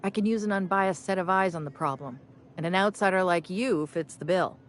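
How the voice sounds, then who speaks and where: A woman's voice: on the low side, a little fast, a little hiss or hum, lightly acted. A woman playing a firm no-nonsense barkeep. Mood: earnest. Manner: firm, scolding, weary. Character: no-nonsense woman bar owner, firm but fair. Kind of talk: video game dialogue.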